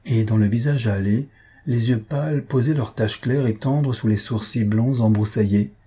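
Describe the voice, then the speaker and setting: A man reading a novel aloud in even, measured scripted narration. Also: medium pitch, breathy edge. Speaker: audiobook reader.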